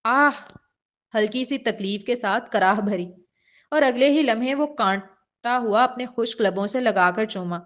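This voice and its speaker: A woman reading a romance novel aloud as audiobook narration, steady and smooth. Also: on the high side. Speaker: novel reader.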